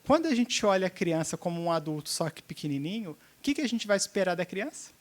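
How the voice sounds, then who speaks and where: A man's voice: sits high, big pitch swings, fast talker. A man speaking as a seminar speaker to a room of educators, checking in with the audience often and acting out little dialogues. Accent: Brazilian Portuguese. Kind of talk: teaching seminar talk.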